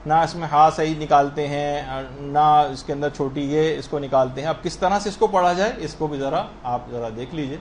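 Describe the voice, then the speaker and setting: High-voiced man giving a religious lesson. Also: few pauses, slight background noise. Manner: earnest, explanatory, demonstrates pronunciation. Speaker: religious teacher. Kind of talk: lecture on prayer to a female audience.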